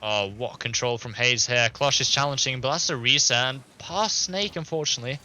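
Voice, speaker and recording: Brief: male caster, bright and keen, fast game calls. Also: medium pitch. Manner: quick, excited play-by-play, laughs easily. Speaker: esports caster. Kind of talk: play-by-play commentary.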